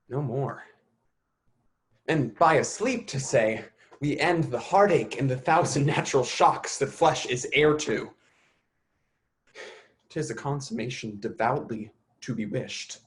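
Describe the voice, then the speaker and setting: A man acting a melancholy young prince, speaking a soliloquy thoughtfully with bursts of intensity. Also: medium pitch. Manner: contemplative, rising to bursts of intensity. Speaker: actor. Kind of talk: Shakespearean soliloquy.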